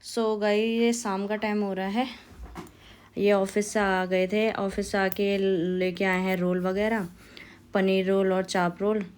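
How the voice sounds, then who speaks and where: A woman's voice: mid-range voice, little pitch movement, slow pace, a little mellow, a little hiss or hum. A young woman from India with a Pahari Hindi accent, vlogging casually at home with a phone camera, chatting and cooing at her toddler.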